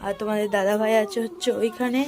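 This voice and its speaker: A woman's voice: mid-range voice, steady tone, fast, soft background music. A woman chatting to her viewers in a casual family vlog from her home. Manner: chatty, addresses viewers as friends; speaking softly so a sleeping child stays asleep. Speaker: vlogger. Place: family home in the evening, kitchen then bedroom.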